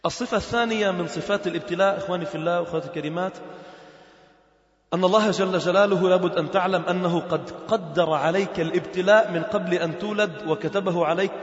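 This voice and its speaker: Animated preacher in an echoey hall. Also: male voice, high voice, quick pace. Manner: animated, shifts between formal Arabic and dialect, chants Quran verses. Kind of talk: sermon. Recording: roomy, echoey hall, dull lo-fi sound.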